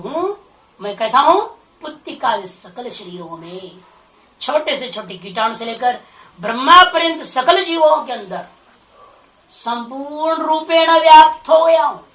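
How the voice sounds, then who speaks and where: A spiritual teacher, a woman whose voice runs high with a sharp edge, lectures on scripture, explaining its Sanskrit phrases line by line and asking rhetorical questions. She sounds far from the microphone in an echoing room.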